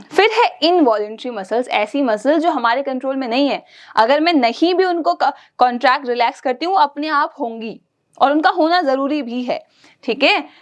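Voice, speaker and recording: A woman teaching a science lesson to young children. She asks the class questions and answers them herself, checks in with them often, and clears her throat now and then. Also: high-pitched, animated, moderate pace. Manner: frequent check-ins to the class.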